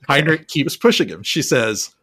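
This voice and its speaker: A man's voice: mid-range voice, moderate pace. A man co-hosting a podcast, wryly recounting news and reading out quotes, laughing often. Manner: wry, laughs often, animated storytelling. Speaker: podcast co-host.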